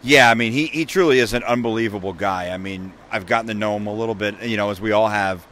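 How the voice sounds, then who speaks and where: A man in his thirties with a low voice talks earnestly, circling back over his words as he reflects. He is recorded close by a phone in a big empty arena. A faint hum sits behind him. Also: fast, fairly bright tone. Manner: reflective, earnest, many repeats. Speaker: sports radio reporter guest. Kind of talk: casual post-game chat. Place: inside an empty hockey arena, rinkside.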